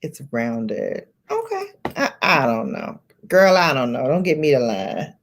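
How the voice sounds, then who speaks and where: Her rumbling low voice swoops wildly in pitch at a measured pace as she hosts a casual livestream from a Brooklyn perspective, accent and all. Chatty and quick to laugh, she greets viewers by name; slight background noise and faint music sit behind her.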